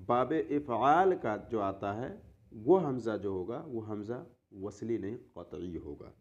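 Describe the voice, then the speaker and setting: Male tajweed teacher, animated sing-song delivery, dull lo-fi recording. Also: medium pitch. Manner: asks rhetorical questions and answers them, repeats key terms. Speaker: Quran recitation teacher. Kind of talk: classroom-style lesson explaining tajweed rules.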